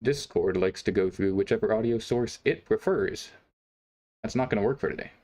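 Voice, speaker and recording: Gravelly, easygoing male esports caster. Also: fairly low pitch, moderate pace, mellow. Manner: easygoing, wry. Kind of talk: casual pre-show chat while fixing stream audio. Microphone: desk mic at a streaming setup.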